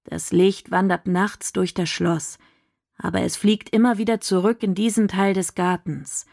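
A woman's voice: on the low side, measured pace, creaky, no room sound, clean studio sound. A woman reading a storybook, voicing a nervous young boy who speaks hesitantly and carefully. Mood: wary.

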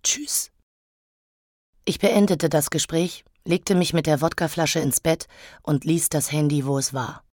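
Low-voiced woman reading emotionally. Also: normal speed, darkish tone, no echo, clean studio sound. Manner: emotional, dramatic delivery. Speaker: audiobook narrator. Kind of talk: first-person novel narration.

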